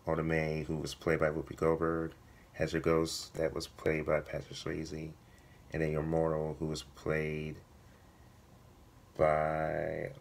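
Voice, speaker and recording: Male vlogger, hoarse voice giving out, slow and fairly monotone, casual delivery to viewers. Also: very deep voice. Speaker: video blogger, writer. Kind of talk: casual vlog talk to viewers.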